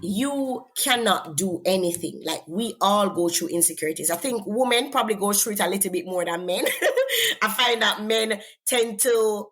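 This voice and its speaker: Speaking with animation at a medium pitch and normal speed, this Jamaican-accented woman has a somewhat bright tone. She's a guest author in a faith-based interview, earnestly encouraging listeners and repeating words when she's thinking.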